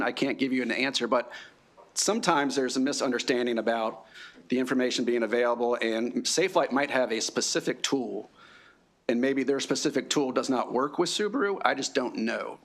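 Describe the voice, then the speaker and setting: A man's voice: mid-range voice, a bit bright. A man answering questions at a formal hearing as an industry representative, assertive and explanatory.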